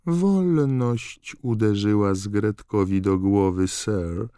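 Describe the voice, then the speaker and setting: A man voicing a timid, servile female house-elf in an audiobook, with a high, trembling squeak and constant deference. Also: slow pace, warm tone, smooth, no echo, studio quality. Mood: fretful, disapproving. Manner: servile, calls everyone sir. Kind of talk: audiobook character voice.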